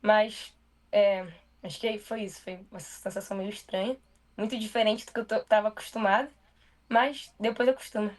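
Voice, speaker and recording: A young woman with a Brazilian Portuguese accent, a journalist guest in a casual interview, who talks quickly and loosely with many fillers. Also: mid-range voice, fairly even intonation.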